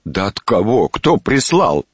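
Man playing an excitable, vain official for a storybook reading, deep, husky, swings from shouting to musing. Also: takes it slowly, no echo, exaggerated voice. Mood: agitated. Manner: agitated shouts, then dreamy musing.

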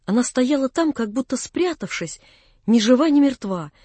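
A woman narrating a classic novel aloud in a measured, calm storytelling manner. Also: high-pitched, breathy edge, no echo. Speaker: audiobook reader.

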